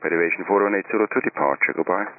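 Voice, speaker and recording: A low male voice gives clipped air traffic control instructions at a quick pace. The radio channel is narrow and tinny, with light hiss. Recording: narrow, hissy VHF radio transmission.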